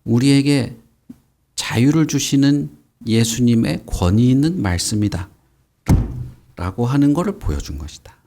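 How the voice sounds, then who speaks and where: A man preaches a children's sermon at Sunday school, talking to the kids in a relaxed, informal way. His pitch rises and falls freely as he quizzes them and acts out little quotes. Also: a little slow, creaky. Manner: animated, asks children questions and acts out quotes.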